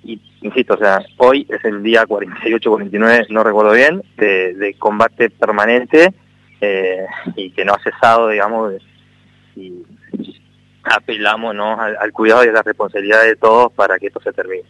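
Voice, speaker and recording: A man with an Argentine accent, a civil defense official answering questions in a radio interview, halting and full of fillers and repeated words. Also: fairly low pitch, steady tone, fairly bright tone, dry recording, rough recording.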